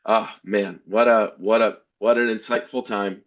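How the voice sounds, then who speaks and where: A man presenting a church-software webinar, talking earnestly with many restarts and repeated words. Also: lowish voice, steady tone, unhurried, dull audio. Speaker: workshop presenter.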